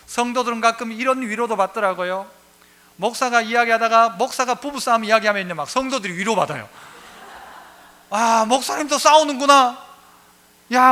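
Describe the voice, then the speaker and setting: High, bright-voiced pastor preaching. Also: male voice. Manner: lively storytelling, rhetorical questions to congregation. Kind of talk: Sunday sermon. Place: church sanctuary.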